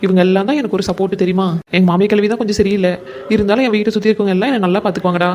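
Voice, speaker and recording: A woman voicing an emotional young married woman and elder sister in a cartoon, talking in a rapid, chatty, affectionate way. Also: mid-range voice, fairly even intonation, dark tone, a little hiss or hum, natural voice. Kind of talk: animated cartoon voice acting.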